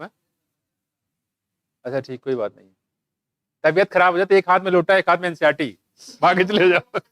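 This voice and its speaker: A man's voice: high-pitched, fairly bright tone, no room sound. A man teaching biology to a live class, quizzing students by name and scolding them with jokes. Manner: teasing, scolding, jokey, calls students by name. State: dry throat from shouting.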